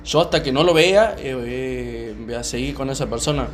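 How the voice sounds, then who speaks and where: A young man with a Rioplatense Spanish accent, calmly telling a personal story on a podcast, with many fillers. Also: mid-range voice. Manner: calm, unhurried, many fillers. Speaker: podcast co-host. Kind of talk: casual storytelling chat.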